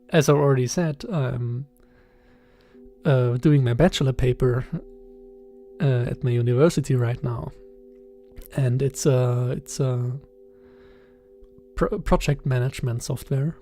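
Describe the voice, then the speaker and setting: A young man in his twenties with a German accent, talking casually in a podcast-style voiceover, hesitant and halting with many fillers and soft chuckles. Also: medium pitch. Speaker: channel host. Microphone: voiceover recorded separately.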